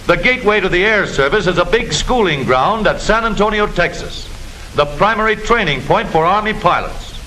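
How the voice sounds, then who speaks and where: In the declamatory, instructive manner of a 1940s military newsreel, an American man with a bright, forceful voice narrates expressively, his pitch swinging widely. He speaks at normal speed, and the low-quality old film soundtrack has a light layer of noise.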